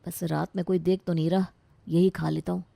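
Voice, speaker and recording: A woman's voice: lowish voice, level tone, creaky, mellow, dry recording. Brief: woman voicing a moody young husband, storybook, emotional, dry close sound. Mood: weary. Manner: emotional, quick to anger. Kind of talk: storybook voice acting.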